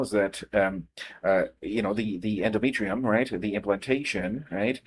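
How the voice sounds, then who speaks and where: A man giving an unscripted lecture over slides, halting with many fillers and restarts, often checking in with "right?", turning emphatic and indignant. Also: fairly low pitch. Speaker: presenter explaining embryology.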